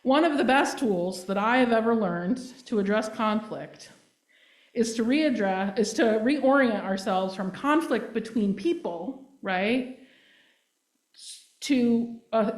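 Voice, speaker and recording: Earnest woman preaching in echoey room. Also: fairly high pitch. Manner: earnest, emphatic, asks the congregation "right?". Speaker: guest minister. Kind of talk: sermon. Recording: roomy echo.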